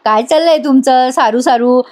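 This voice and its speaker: A woman voicing an irritated young wife who snaps out quick questions. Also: sits high, darkish tone, lightly acted. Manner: snapping, rapid questions.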